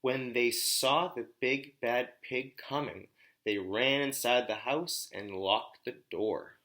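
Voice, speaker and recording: A man with a sharp-toned, medium-pitched voice narrates a story for young listeners as a teacher would. He speaks simply and deliberately, pausing to quiz them on what happened.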